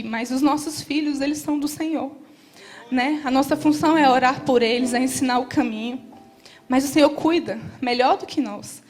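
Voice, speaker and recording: Earnest Brazilian woman, middle-aged, high-pitched, speaking a church testimony over soft music. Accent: Brazilian Portuguese. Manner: earnest, addresses the congregation directly. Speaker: church member giving testimony.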